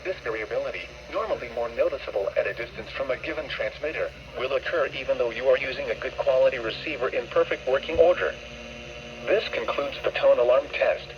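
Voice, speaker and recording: This is a weather radio announcement read by a machine-made male voice of middling pitch. The text-to-speech delivery stays even and flat, word by word and measured, while the receiver recording sounds dull and full of hiss.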